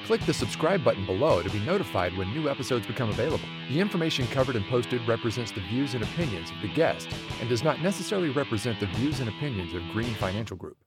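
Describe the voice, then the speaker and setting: A man's voice: medium pitch, expressive, quick pace, few pauses. A man narrating a scripted podcast outro and legal disclaimer as an announcer. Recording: music bed of plucked guitar. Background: guitar music.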